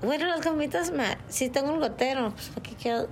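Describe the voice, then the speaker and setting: A woman's voice: high-pitched, brisk, slight background noise. A young woman with a northern Mexican accent hosting a podcast, chatting casually in crude, informal slang. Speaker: podcast host. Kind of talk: casual chat.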